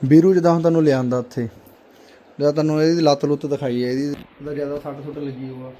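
A man's voice: fairly even intonation, fast. A man hosting a prank video, teasing and coaxing his friend in comic banter. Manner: teasing, wheedling, switches between loud coaxing and low confiding tones.

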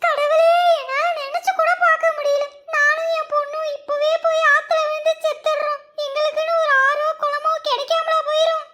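A woman's voice: very high-pitched, flat delivery, moderate pace, hardly any pauses, pushed and bright, slight background noise. A woman playing a jealous, scolding wife who cries out and laments dramatically in a comedy skit. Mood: wailing. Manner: dramatic lamenting, crying out to God. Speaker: comic actor in a skit.

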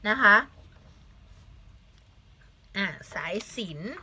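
A woman's voice: extremely slow, sharp tone. A young woman teaching a language lesson to children, patiently spelling words letter by letter, asking the class questions and adding English glosses.

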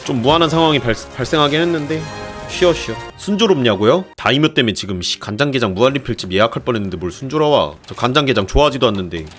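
A man streaming a video game in casual commentary, excitable and often swearing and yelling in frustration. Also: mid-range voice, fast. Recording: game music loud behind the voice. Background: game music.

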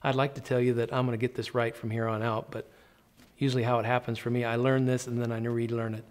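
Man, 50s, pastor, conversational sermon, earnest, emphatic pauses, mid-pitched voice. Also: little pitch movement. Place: indoor church office set.

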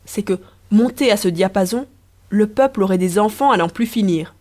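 A woman voicing a soft-hearted, doubtful young emperor who speaks in a mild, questioning way. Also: medium pitch, moderate pace, close to an everyday voice.

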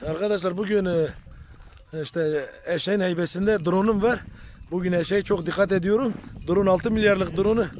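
A man's voice: high voice, moderate pace. A man, a shepherd, chatting to viewers in a casual vlog while herding his flock, filmed on a handheld phone outdoors. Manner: chatty, addresses viewers as friends, calls loudly to animals. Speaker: shepherd vlogger. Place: outdoors in open countryside with sheep and goats.

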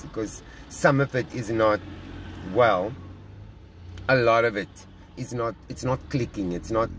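A South African vlogger sits in a parked car commenting casually on church news, filmed on a phone camera held at arm's length. His lowish voice is earnest and halting, with many restarts and repeated words. Slight background noise is audible.

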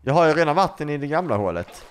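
Lively, questioning man playing a game. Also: a little high, clear, resonant tone. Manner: excitable, full of questions, swears freely. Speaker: gaming YouTuber. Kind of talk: let's play commentary.

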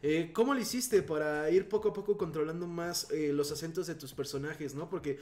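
A man's voice: a little high, fairly quick, darkish tone. A Mexican man hosting a podcast, asking long questions and backing his guest with short agreements. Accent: Mexican Spanish. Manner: agreeable, frequent short affirmations. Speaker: podcast host, interviewer. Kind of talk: casual interview chat.

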